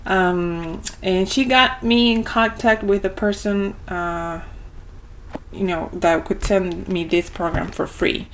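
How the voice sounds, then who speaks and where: A young Argentine woman, a native Spanish speaker with an Argentine Spanish accent, walks through a homeschool reading curriculum page by page as a homeschooling parent reviewing it. She is chatty, with frequent ums and self-corrections, speaking slowly in a medium-pitched, steady, fairly bright voice. The rough recording has a little hiss or hum.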